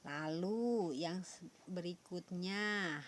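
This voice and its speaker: A woman's voice: on the low side, extremely slow. A primary school teacher, a woman, giving a recorded lesson to young children and patiently checking in with them as she explains. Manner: patient, addresses the children with tag questions.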